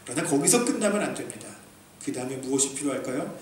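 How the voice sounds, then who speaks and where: A man from South Korea preaching a sermon as a pastor, animated and emphatic, swinging between loud peaks and quiet asides, acting out quoted remarks with humor. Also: medium pitch, quick pace. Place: church sanctuary. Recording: echoey distant hall recording with faint noise.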